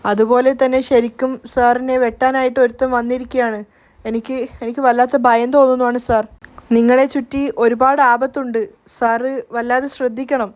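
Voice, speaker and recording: A woman playing a fearful, caring young woman in a spoken story recap. Her voice is high and bright, with a pleading, worried way of talking. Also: level tone, normal speed, close to an everyday voice.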